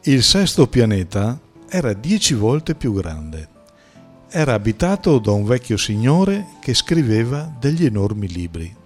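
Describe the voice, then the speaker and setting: A man narrating a storybook in a measured, storytelling manner. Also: mid-range voice, very animated, soft background music. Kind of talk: scripted audiobook narration.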